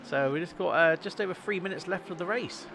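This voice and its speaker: A man's voice: high-pitched, brisk. A man hosting a livestream with casual, chatty motorsport commentary on a sim race. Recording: clear engine noise behind voice.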